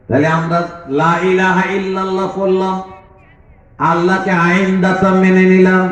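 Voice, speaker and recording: A man from Bangladesh preaching an Islamic sermon to a crowd, addressing them directly and breaking into chanted recitation. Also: a little high. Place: outdoor religious gathering. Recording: echoey loudspeaker sound, dull lo-fi.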